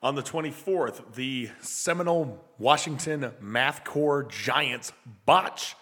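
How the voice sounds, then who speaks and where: A man's voice: medium pitch, slow, fairly bright tone. A man co-hosting a music podcast, casually sharing release news with a long echo around his voice. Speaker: podcast co-host. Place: echoey basement. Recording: long echoey reverb of a basement.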